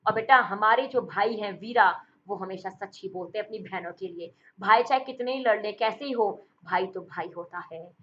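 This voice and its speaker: A woman's voice: medium pitch, normal speed, few pauses, highs cut off, a little hiss or hum. A woman teaching vocabulary for exam prep, with playful memory tricks and jokes, calling her students beta and bhai.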